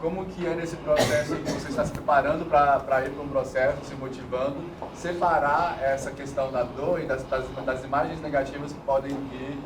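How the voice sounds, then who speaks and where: A man's voice: mid-range voice, steady tone. Distant man asking, roomy. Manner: hesitant, many filler pauses. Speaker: course participant asking questions. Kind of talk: casual questions. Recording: roomy, distant, noisy classroom.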